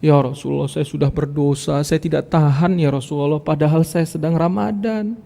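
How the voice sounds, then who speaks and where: A man's voice: on the high side, steady tone, a little fast, creaky, warm tone. A preacher with a Medan accent acting out a frightened guilty man who pleads for help, recorded in a mosque hall. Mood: fearful. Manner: anxious, pleading.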